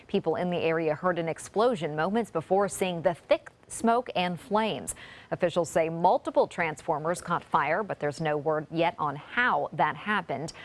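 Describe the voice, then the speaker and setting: A woman reading scripted television news as an anchor. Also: low-pitched.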